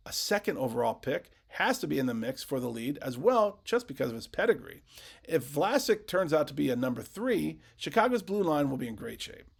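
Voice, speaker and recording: A man with a slightly higher than average voice and a gravelly, creaky edge hosts his fan vlog. He talks in a chatty, loose way, restarting phrases as he goes and reading viewer comments aloud. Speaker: hockey channel host. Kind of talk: casual fan commentary to camera.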